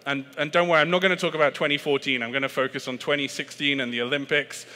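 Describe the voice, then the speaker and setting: Speaking at a large conference hall where long reverb trails every word, a British man gives a keynote on sales in a bright, forceful, slightly high voice. He talks fast with fairly even intonation, staying chatty and self-deprecating while stumbling into fillers and restarts.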